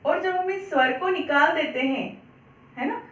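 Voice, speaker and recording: Female primary teacher, high voice, slow and patient, repeats words for kids, dull echoey recording from a distance. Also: fairly bright tone. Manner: patient, repeats words slowly, asks and answers own questions. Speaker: primary school Hindi teacher. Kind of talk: children's online lesson.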